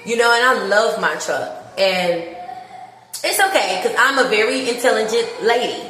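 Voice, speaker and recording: On a livestream, a woman shows her new apartment with casual, heartfelt chatter and frequent laughs. Her voice is on the high side at a moderate pace. The background is noisy, and the empty rooms echo with long reverb.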